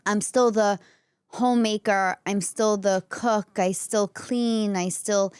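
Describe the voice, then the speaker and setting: A woman in a close, dry studio recording. She talks casually and candidly at a medium pitch, addressing listeners directly as a podcast host. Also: steady tone, slow, darkish tone, smooth, no echo. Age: 40s. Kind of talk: casual solo talk to audience.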